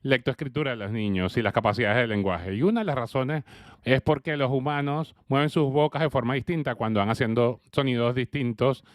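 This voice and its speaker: A man interpreting an early childhood education lecture, speaking slowly and haltingly with frequent fillers. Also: medium pitch, no room sound, clean studio sound. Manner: hesitant, with frequent fillers and uneven pace.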